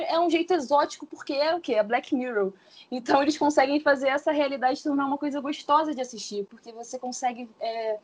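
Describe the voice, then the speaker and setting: Woman, 20s, high voice, rambling guest who hedges a lot. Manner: explains at length, with frequent hedging fillers. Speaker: podcast guest. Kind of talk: casual podcast discussion.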